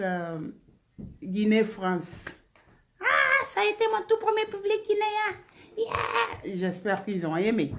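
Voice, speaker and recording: Slow-talking woman chatting on a live stream. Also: on the high side. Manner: slow, warm, greets viewers by name and blows kisses. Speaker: singer hosting a live stream. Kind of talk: casual live-stream chat greeting viewers.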